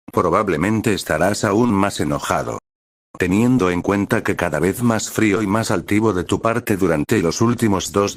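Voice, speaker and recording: A man's voice: lowish voice, no echo, studio quality, lightly acted. A man playing a doting young husband who speaks earnestly and coaxingly, in a storybook reading.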